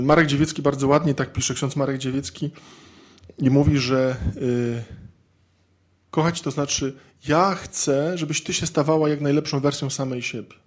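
A man giving an informal, humorous talk to an audience of men, chatty and constantly adding little tag questions as he acts out everyday scenes. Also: medium pitch. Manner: conversational, peppers sentences with tag questions. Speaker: speaker addressing men about marriage.

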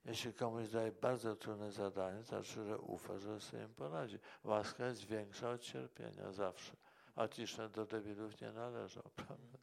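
A man's voice: on the low side, fairly even intonation, moderate pace, gravelly. A man, a monk and priest, answering interview questions in a rambling way and often tagging his remarks with a questioning "right?". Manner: rambling, tags remarks with "prawda?".

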